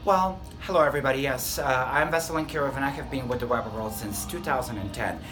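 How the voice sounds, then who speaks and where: Music plays behind this rough recording of a fast-talking man with a mid-range voice. He speaks with a Bulgarian accent and is a restaurant lead trainer in a workplace interview, replying earnestly and eagerly and now and then fixing his words partway through a sentence.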